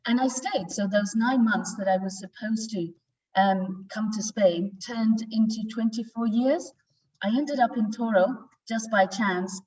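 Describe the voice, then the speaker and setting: Over a video call, a wine exporter in her forties with a Northern English accent presents informally as a guest at a virtual tasting, sharing her story. Her voice is a little mellow, on the high side, and unhurried. She sits away from the mic in an indoor office tasting room, so the audio sounds distant, dull and lo-fi.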